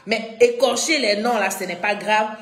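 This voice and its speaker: A woman's voice: medium pitch, normal speed, fairly bright tone. A woman hosting a live stream, chatting effusively with viewers and breaking into chanted refrains. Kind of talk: casual live-stream chat greeting viewers. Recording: roomy echo with faint music behind.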